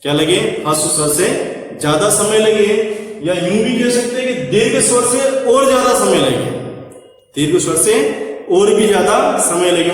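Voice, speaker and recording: A man teaching an exam-prep lesson. He asks each point as a question, then answers it himself, and he draws out key words in a sing-song way. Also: high voice. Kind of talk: exam-prep classroom lecture. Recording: very echoey room, voice from far off the mic.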